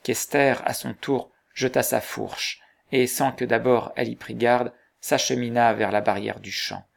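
A man narrating a novel aloud in a measured literary storytelling manner. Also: medium pitch, flat delivery, gravelly. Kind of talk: audiobook narration.

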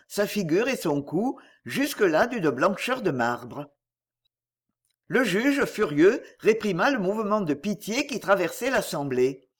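A man narrating a story in an expressive, dramatic reading. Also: high-pitched, husky. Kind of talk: audiobook narration.

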